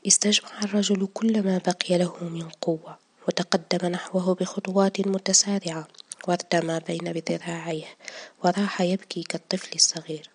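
Woman, story narration, soft, husky, flat delivery. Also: on the low side, normal speed.

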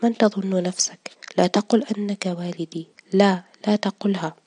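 A woman voicing an anguished young man who speaks in a breathy, strained way. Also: a little high, steady tone, fast talker, a little mellow, voice pushed up, close to an everyday voice.

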